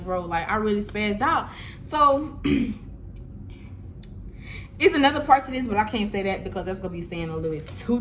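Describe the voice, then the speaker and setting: A young woman telling a casual storytime vlog, animated and laughing as she talks straight to her viewers. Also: medium pitch, slight background noise. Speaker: vlogger.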